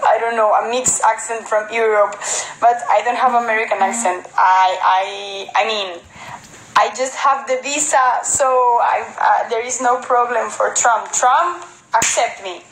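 A Spanish model in her twenties chats casually on a livestream from a room at home, holding her phone at arm's length. She reads viewers' comments and answers in Spanish and in halting, Spanish-accented English. Her voice is on the high side with a fairly bright tone, and the low-quality recording is reverberant with slight background noise.

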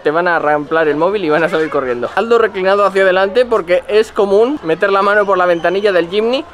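High-voiced Spanish man vlogging outdoors. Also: fast, a bit bright, slight background noise. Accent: Spain Spanish. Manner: blunt, joking, swears casually. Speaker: travel vlogger. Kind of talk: casual travel tips to camera. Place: narrow outdoor city alleys. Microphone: handheld camera at arm's length.

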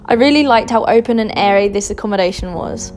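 Young Aussie woman, chatty travel narrator, upbeat tips over loud music. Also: medium pitch, fast talker. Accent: Australian. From Darwin, Australia. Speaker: travel vlogger.

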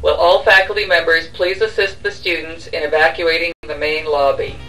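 A man with a notably high voice makes a formal paging call over the school intercom, stating each request and then repeating it in a measured way. He sounds distant, away from the microphone. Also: flat delivery, bright, forceful tone, faint music behind. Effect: announcement over the school intercom. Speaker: school office staff in a training demo. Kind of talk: scripted paging announcement.

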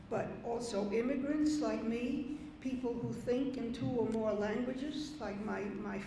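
An older poet from the Dominican Republic addresses a large conference hall from a podium before her reading, unhurried and anecdotal, with small asides along the way. Her voice is fairly high with a dark tone, captured by a gooseneck podium mic in a very echoey hall with faint noise.

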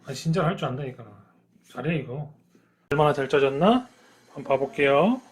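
A young woman filming her mother cooking at home, asking chatty questions and murmuring soft agreement. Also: low voice, animated, brisk. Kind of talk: casual cooking chat. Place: home kitchen.

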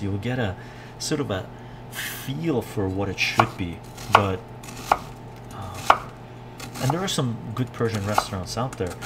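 Cooking indoors at home while livestreaming, an Iranian-born Canadian man in middle age reads and responds to viewer comments in a hesitant, musing way. He has a fairly low voice, and heavy kitchen sounds of chopping and clatter run underneath.

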